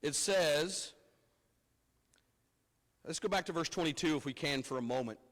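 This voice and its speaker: A man who is a pastor speaks at a pulpit microphone, his somewhat high voice ringing through a church hall with a long echo. He preaches in a loose, conversational way, often stumbling over repeated words. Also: unhurried, fairly bright tone. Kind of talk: sermon. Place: church sanctuary.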